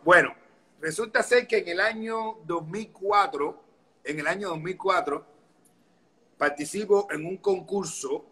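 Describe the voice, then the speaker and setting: A man with a Cuban accent tells his stories in an animated, playful manner, as a comedian guest would. His voice sits high for a man and has a bright, forceful edge. He is chatty and quick to play about. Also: poor audio. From Cuba. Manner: lively, playful, mimics other voices. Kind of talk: animated comic storytelling.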